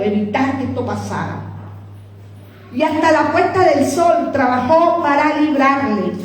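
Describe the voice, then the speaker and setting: A woman preacher reading scripture slowly and dramatically in a sermon, building to fervent proclamation. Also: high voice, darkish tone, slight background noise. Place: church. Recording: echoey church room, mic far off.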